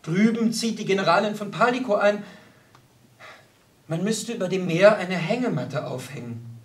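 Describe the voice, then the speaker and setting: A weary, elegant young countess, voiced by a male audiobook reader. She speaks softly and wistfully, her voice pitched high and swinging widely in melody. The mic sits at a slight distance. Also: expressive, normal speed. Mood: dreamy. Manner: soft, tired, wistful. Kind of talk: audiobook character voice.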